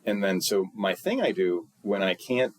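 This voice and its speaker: This is a man with a somewhat low voice, speaking as a guest on a casual podcast. He tells stories in a loose, chatty way. He keeps leaping into exaggerated quoted voices. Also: normal speed. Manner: lively storyteller, jumps into exaggerated high voices for quotes. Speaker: guest library official.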